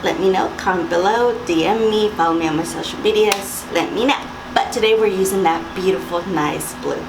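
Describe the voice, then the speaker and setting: Speaking in a raspy morning voice on the high side, a young woman chats and instructs through a makeup tutorial at home, talking to camera with fillers and asides. Loud background hiss and air-conditioner hum fill the recording.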